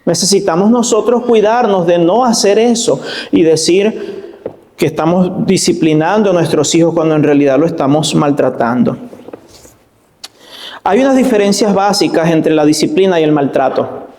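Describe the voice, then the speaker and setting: Man, guest pastor, high-pitched, storytelling preacher who drags out his emphasis. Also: moderate pace, darkish tone. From Venezuela. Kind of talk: sermon.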